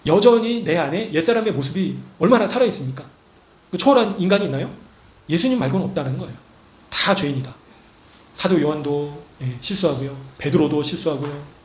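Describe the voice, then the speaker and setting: Echoey preaching man, fairly high voice. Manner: emphatic preaching with frequent "그죠?" and "예," tags, acting out confessions. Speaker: pastor. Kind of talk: sermon.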